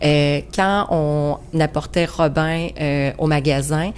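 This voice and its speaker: A woman's voice: sits low, steady tone, slow, darkish tone, smooth. A middle-aged woman with a Quebec French accent, a mother speaking earnestly and in detail about raising her son, recorded at a studio microphone. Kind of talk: recounting personal experience in an interview. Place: radio studio.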